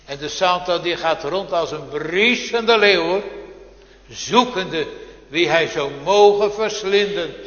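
A man preaching a Reformed church sermon, slow and solemn, with fervent rising appeals to God. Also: sits high, a bit bright. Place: church hall. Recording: dull, roomy church recording with long reverb.

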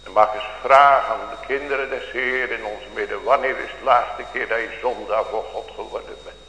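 A man's voice: mid-range voice, fairly even intonation, moderate pace, pushed and bright. A male pastor preaching a sermon to his congregation with fervent, old-fashioned biblical phrasing. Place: church. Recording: echoey church hall with faint hum.

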